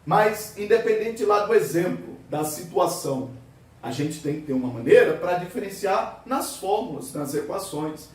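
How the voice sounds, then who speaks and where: A man's voice: high voice, animated, moderate pace. A male physics teacher giving a classroom lecture, asking questions and answering them himself, sometimes voicing students' objections. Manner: asks and answers his own questions, voices students' objections. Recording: very echoey room, voice far from mic.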